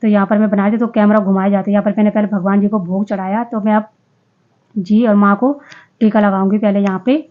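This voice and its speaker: A woman's voice: mid-range voice, level tone, fast talker, narrow, tinny audio. A woman vlogger narrating her day in a casual voice-over, chatty, often restarting and correcting herself.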